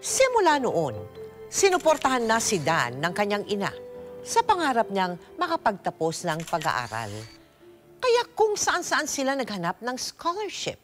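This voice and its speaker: Animated woman narrator, higher voice. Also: moderate pace, faint music behind. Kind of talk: scripted documentary-drama narration.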